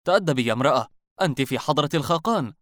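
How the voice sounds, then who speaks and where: Brief: man voicing a loud harsh guard captain, dry close recording. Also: a little high, animated, racing, no room sound, voice pushed up. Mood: angry. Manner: loud, barking threats. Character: harsh male guard captain, quick-tempered.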